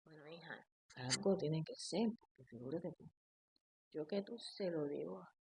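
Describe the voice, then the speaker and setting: A woman quoting her mother giving gentle advice, in her own soft voice. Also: low voice, a little slow, gravelly, husky, no echo, dull audio, heavily acted. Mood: reassuring.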